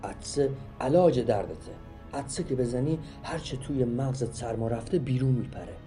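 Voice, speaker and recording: A man voicing a gruff, fussing father who loudly urges and insists. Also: medium pitch, faint music behind, voice pushed up, lightly acted. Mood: urging. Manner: loud, urging.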